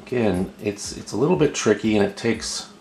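Animated but patient, a male how-to video host narrates an unscripted tutorial step by step from a table in an indoor room, often repeating himself. His voice is fairly low, a little mellow and moderately paced. Soft music plays in the background, and the recording is roomy and echoing.

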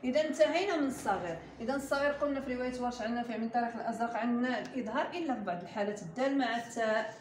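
A woman's voice: fairly high pitch, a crowd in the background. Patient Moroccan woman teaching tajweed. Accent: Moroccan Arabic. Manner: patient, slow and drawn out when modelling recitation; quizzes the class and prompts answers. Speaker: Quran recitation teacher. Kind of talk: tajweed class with students. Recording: echoey room with steady background noise.

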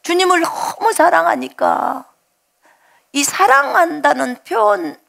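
A woman's voice: very high-pitched, big pitch swings, slow, gravelly, a bit bright. A woman pastor from the Jeolla region giving an earnest sermon, telling her own story and acting out her prayers aloud. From Jeolla, Korea.

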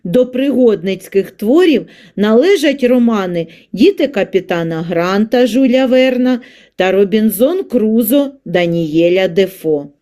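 A woman reading a textbook passage aloud in an even, explanatory way. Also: medium pitch, unhurried. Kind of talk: scripted textbook narration.

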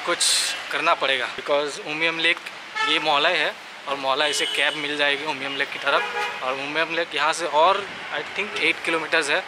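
A man's voice: fairly high pitch, flat delivery, moderate pace. A young man, chatting to viewers in a casual travel vlog, filmed at arm's length outdoors. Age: young adult. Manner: chatty, addresses viewers as bhai, mixes English phrases. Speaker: travel vlogger. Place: outdoors on rainy streets and forest paths. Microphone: handheld camera at arm's length. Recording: outdoor street noise.

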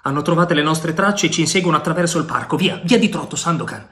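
A man's voice: on the high side, quick pace, lightly acted. A man voicing a bold, loyal male pirate adventurer who urges and teases his friend, in a storybook reading. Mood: urgent. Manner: urgent, shouting commands.

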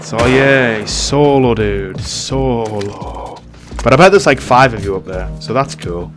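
Brief: young male gaming host, mocking and sarcastic, lively up-and-down delivery, soft music underneath. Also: mid-range voice, unhurried. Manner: teasing, sarcastic. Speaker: gaming YouTuber. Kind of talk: casual gameplay commentary.

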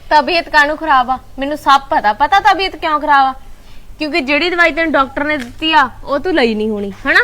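A woman's voice: high voice, brisk. An actress playing Manpreet, a young woman who fusses over and teases her sister-in-law in a family drama. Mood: insistent. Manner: lively, chiding, affectionate. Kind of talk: Punjabi web drama acting.

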